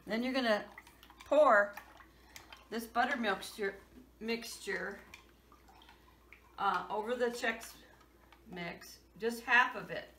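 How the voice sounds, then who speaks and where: This same home cook, a woman in her sixties, walks through a casual cooking demo step by step in plain terms. Her voice is on the high side and slow, broken by long pauses. Recorded by a distant camera across the room, the kitchen sounds echoey and noisy.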